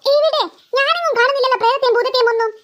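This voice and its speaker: Woman voicing a cartoon mom, high voice, sharp, scolding, exasperated. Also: racing, slight background noise. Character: scolding, short-tempered cartoon mother. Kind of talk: cartoon voice acting.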